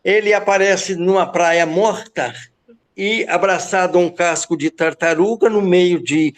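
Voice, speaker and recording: High-voiced man reciting poetry rhythmically. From Goiás, Brazil. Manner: rhythmic, incantatory recitation with quick storytelling bursts. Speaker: poet and guest speaker.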